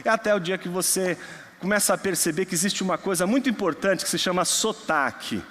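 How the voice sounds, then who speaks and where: A young man from Brazil preaching a sermon, moving between quiet storytelling and loud, emphatic passages. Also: high voice, brisk, slight background noise. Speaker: pastor. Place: church hall. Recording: long hall reverb.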